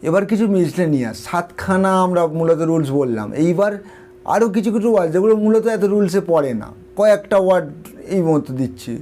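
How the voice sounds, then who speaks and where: A man's voice: sits high, animated, brisk, warm tone. A man with a Bengali accent teaching an English spelling lesson, spelling words out letter by letter and asking and answering his own questions. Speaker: English tutor. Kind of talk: explanatory lesson.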